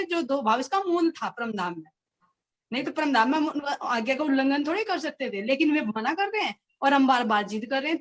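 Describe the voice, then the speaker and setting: A woman with a high voice leads a devotional scripture discussion over a video call. She talks earnestly and repeats quoted pleas several times to press her point. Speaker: discussion participant. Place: online group call.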